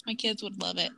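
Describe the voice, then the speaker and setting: A woman's voice: mid-range voice, creaky, sharp tone. A woman in her thirties co-hosting a casual rewatch podcast, chatty and laughing, acting out quotes. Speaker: podcast co-host.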